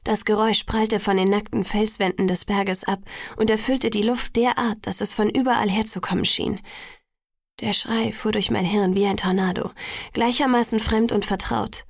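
Brief: woman narrator, gravelly texture, dry close studio sound, measured audiobook read. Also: medium pitch, steady tone, dry recording. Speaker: audiobook reader. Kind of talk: first-person audiobook narration.

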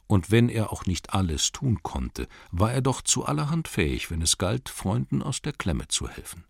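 A man narrating a storybook in a measured, dramatic reading, slowing down for emphasis. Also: low voice, creaky, breathy edge, no room sound, clean studio sound. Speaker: audiobook narrator.

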